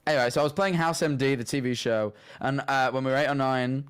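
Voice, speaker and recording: A man's voice: mid-range voice, fast, smooth. A man in casual comedic chat as a co-host, with dry, self-deprecating humour. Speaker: co-host reading listener confessions.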